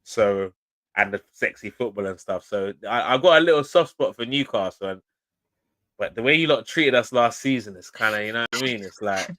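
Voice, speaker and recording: A man, a guest pundit in casual football banter, slangy and animated and laughing often. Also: mid-range voice, a little fast, dry recording.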